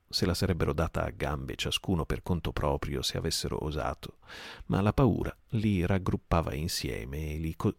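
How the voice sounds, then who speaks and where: A man giving a calm, measured audiobook narration meant for sleep. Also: very deep voice, vocal fry, no room sound, clean studio sound. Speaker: audiobook reader.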